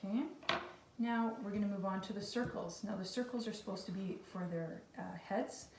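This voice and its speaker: A woman's voice: mid-range voice, normal speed. A woman teacher giving a casual craft lesson to young children, with simple, reassuring step-by-step instructions. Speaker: kindergarten teacher. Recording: echoey room, distant mic, faint noise.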